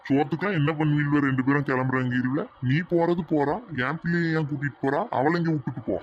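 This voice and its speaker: A man's voice: fairly high pitch, steady tone, fast, lo-fi sound, lightly acted. A man voicing a lazy, food-loving husband in a cartoon, coaxing and easygoing. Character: lazy husband who drinks and craves food.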